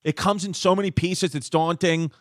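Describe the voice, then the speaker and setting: A man's voice: high-pitched, fairly even intonation, moderate pace, a bit bright, no room sound, studio quality. A man co-hosting a comedy podcast in casual chat, crude and swearing, laughing at his own jokes. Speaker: podcast co-host. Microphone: studio podcast mic.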